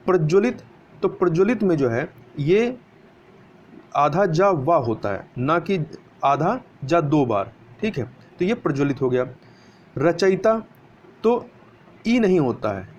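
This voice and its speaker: A man's voice: a little high, darkish tone. A man teaching a spelling lesson for exam preparation, explaining step by step and answering his own questions. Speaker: Hindi grammar teacher. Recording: dull lo-fi recording with faint hiss.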